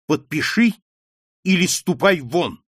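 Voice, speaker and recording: A man's voice: medium pitch, very animated, unhurried, dry recording, clean studio sound. A man reading an audiobook, voicing a cold, domineering aristocratic mother with an imperious, commanding tone.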